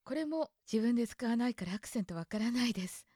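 A woman's voice: on the high side, animated, fast talker, dark tone, dry recording, studio quality. A young woman from Hokkaido hosting a casual solo talk show, chatting and musing aloud about words with a light laugh now and then. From Hokkaido, Japan. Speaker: podcast host.

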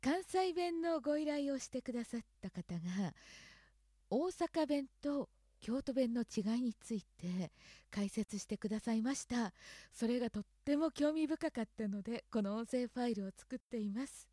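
A woman giving a polite, gently thoughtful spoken explanation as a voice performer taking requests. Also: fairly high pitch, animated, moderate pace, dry recording, studio quality.

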